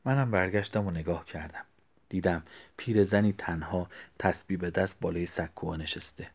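A man narrating a story in a quiet, hushed way that often drops near a whisper. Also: deep voice.

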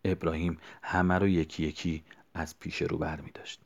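Brief: male storyteller, very low voice, hushed and near-whispered delivery. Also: flat delivery, vocal fry, lo-fi sound. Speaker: narrator. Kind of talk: storytelling narration.

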